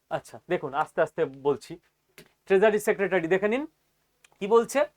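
A man giving an explainer lecture as a teacher, speaking emphatically and often checking that listeners follow. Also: a little high.

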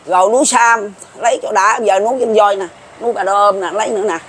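A man's voice: high-pitched, fairly even intonation, fast talker, fairly bright tone, slight background noise. A man in his seventies with a Southern Vietnamese accent, talking to viewers in a rambling, folksy way and repeating himself. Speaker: folk prophecy commentator. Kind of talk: casual monologue to viewers.

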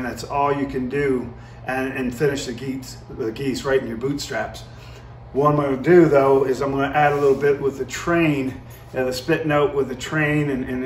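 A middle-aged man gives a hands-on lesson in a casual, rambling, folksy way. His voice sits at an ordinary male pitch. The sound is echoey and set back from the microphone, as in a hard-walled indoor room. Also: a little hiss or hum. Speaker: goose calling instructor. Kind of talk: casual instructional demonstration. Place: indoor room with brick fireplace. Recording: roomy, echoey, distant microphone.

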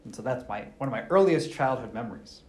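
A man of middle pitch leads Mass as priest, reading the Gospel and then easing into a homily. His delivery is measured and unhurried, like telling a story. His voice rings with a roomy church echo that fills the space around him. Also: lively intonation, a little mellow.

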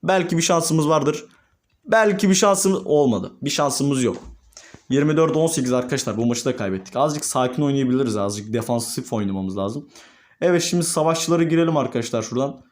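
A young man, a gaming YouTuber, commentating his own gameplay and swinging between calm murmurs and excited shouts. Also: medium pitch, brisk.

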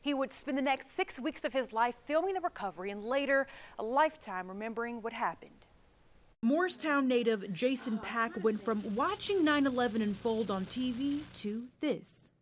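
A young American woman narrates a television news story as a reporter. Her voice sits a little high. The delivery is scripted broadcast narration. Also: expressive, moderate pace.

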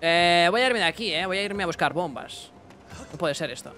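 A young man giving casual let's-play commentary, excitable, talking to himself and his chat with bursts of yelps. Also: sits high, brisk, over music. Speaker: gaming streamer.

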